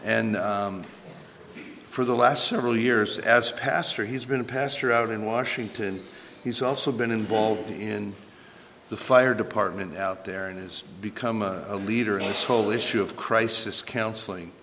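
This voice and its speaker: A man preaching as a pastor in an earnest, informal way, his voice thin, squeaky and strained from a sore throat. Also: fairly even intonation, normal speed, bright, forceful tone, slight background noise. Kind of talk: sermon. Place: large reverberant church hall. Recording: long hall reverb.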